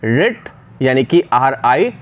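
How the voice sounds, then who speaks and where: A man teaching English spellings for exams, spelling words out slowly letter by letter and checking in often. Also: medium pitch, sing-song. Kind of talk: exam spelling lesson.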